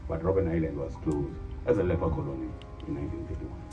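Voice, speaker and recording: On a tour bus, a South African guide whose first language isn't English narrates in a rumbling low, fast voice over music. He asks his group questions and calls them "good people." The sound is tinny and distant, like a PA, with loud vehicle noise.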